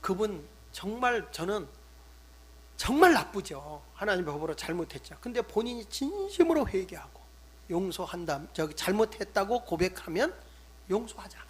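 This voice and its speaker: An older man, a pastor, preaching a sermon, swinging between loud emphatic stresses and hushed asides. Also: high voice, sing-song, moderate pace, breathy edge. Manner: acts out scolding quotes in conversational tone.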